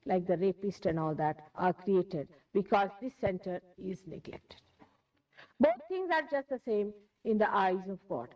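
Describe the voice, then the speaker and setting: A woman's voice: medium pitch, a little mellow, far from the mic. Indian woman, spiritual teacher, emphatic lecture style with repeated phrases, voice set back from the mic on a dull lo-fi 1981 tape.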